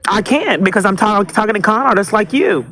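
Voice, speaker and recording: A woman's medium-pitched, fairly bright voice comes a little fast as she calls police dispatch pleading for help. She insists, repeats herself, and tends to talk over the person on the line.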